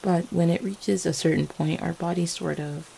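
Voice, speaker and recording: A woman plays a gentle, devoted vampire girlfriend in an ASMR roleplay, her low, mellow voice fraying into a gravelly creak. She explains things tenderly and a bit hesitantly at a normal speed, soft-hearted and full of affection and reassurance. The low-quality recording carries a faint, steady sound of falling rain behind her.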